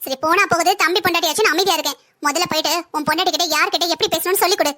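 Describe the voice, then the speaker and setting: Woman doing a bossy, sharp-tongued sister-in-law. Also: very high voice, fairly even intonation, very fast. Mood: scolding. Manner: taunting, scolding. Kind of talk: cartoon story voice acting.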